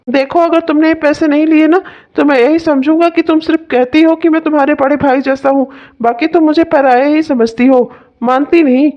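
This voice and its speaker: A woman's voice: high voice, highs cut off. A woman voicing a generous, protective elder brother-in-law in a cartoon, speaking in a coaxing, affectionate way. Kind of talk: cartoon voice acting.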